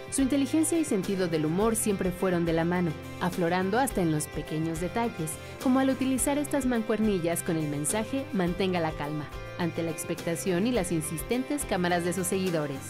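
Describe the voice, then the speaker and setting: A woman's voice: lowish voice, animated, moderate pace. A woman reading scripted documentary narration as the narrator. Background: music.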